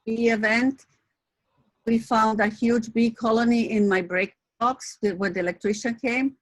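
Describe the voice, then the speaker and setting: A woman student speaking in brief, halting remarks on a video call, her audio cutting in and out over a weak connection. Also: a little high, fairly even intonation, no room sound, rough recording. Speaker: design student in a class critique. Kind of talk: casual chat on a video call. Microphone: laptop or computer mic on a video call.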